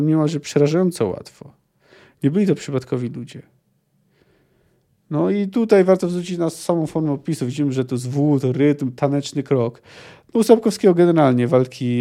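Man, podcast host, book discussion, casual, slightly high, dark tone. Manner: casual, thoughtful, with fillers.

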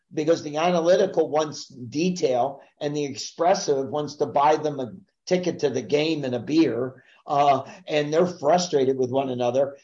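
A man's voice: on the high side, darkish tone, lo-fi sound. A man speaking as a guest in a podcast interview, explaining sales ideas in an assertive, emphatic teaching manner.

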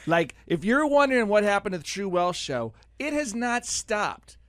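A man's voice: sits high, very animated, moderate pace, fairly bright tone, dry recording. A middle-aged man hosting a radio show from the studio, chatting casually and rambling with jokes and lots of fillers. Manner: rambling, joking, many fillers. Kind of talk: casual on-air chat.

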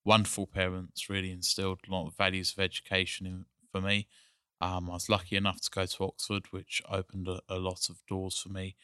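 Articulate Englishman with a bright, clear voice. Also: low-pitched, monotone, no echo, clean studio sound. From England. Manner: articulate, measured, with frequent "um"s. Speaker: guest, energy company CEO. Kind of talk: casual podcast chat.

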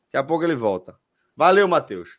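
A man's voice: fairly high pitch, big pitch swings, fast talker, crowd noise. A man casually hosting a live sports show in informal, slangy speech. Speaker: host.

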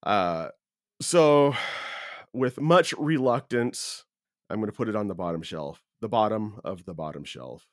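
A man's voice: lowish voice, expressive, unhurried, dry recording, clean studio sound. A man co-hosting a podcast in casual chat, hesitant and repeating his words. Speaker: podcast co-host.

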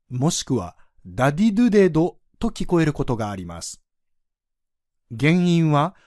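Guy doing a podcast pronunciation lesson, talks slow n patient, kinda high voice, dry close sound. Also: darkish tone, dry recording. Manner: patient, demonstrates sounds slowly for listeners to repeat. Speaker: French teacher.

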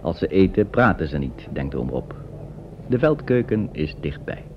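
Calm low-voiced male narrator. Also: normal speed, slight background noise. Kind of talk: scripted narration. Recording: dull old recording with music.

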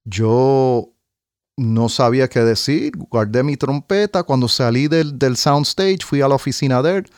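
A man's voice: mid-range voice, measured pace, no room sound, clean studio sound. A man, a trumpet player, telling an anecdote in casual conversation and scatting out rhythms and melodies as he goes. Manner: animated, sings out rhythms and melodies. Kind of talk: conversational storytelling.

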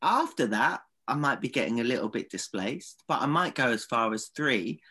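An Essex man in casual, argumentative back-and-forth. His pitch moves around in a lively way as he piles up repeated phrases to make his point. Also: normal speed, slightly rough. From Essex, England. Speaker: podcast co-host. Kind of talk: casual bickering chat.

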